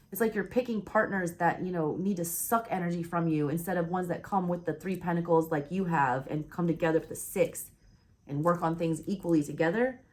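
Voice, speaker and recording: A medium-pitched tarot reader with a Southern US accent gives a blunt, casual reading. She swears freely and hiccups while checking in with "all right?"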